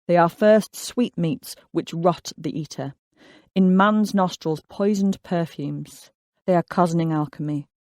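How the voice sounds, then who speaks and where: Narrator doing a scornful churchman, slow, hushed, dry studio read. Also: mid-range voice, dry recording, lightly acted. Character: scornful churchman lecturing on sinful women. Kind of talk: dramatic reading of a play quote.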